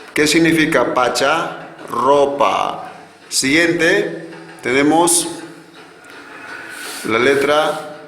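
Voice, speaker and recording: A man teaching a language class to children, slowly saying each letter and word and repeating it. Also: mid-range voice, fairly bright tone. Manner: slow, patient, repeats each sound twice. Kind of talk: slow classroom drill, repeating words for students. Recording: roomy echo with long reverb and faint hiss.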